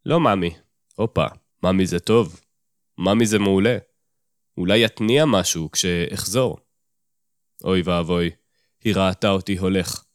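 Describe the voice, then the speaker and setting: Low-voiced guy reading his own story, wry and self-mocking, dry close sound. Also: steady tone, pauses often, clean tone, no echo. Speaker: narrator. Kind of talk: first-person audiobook narration.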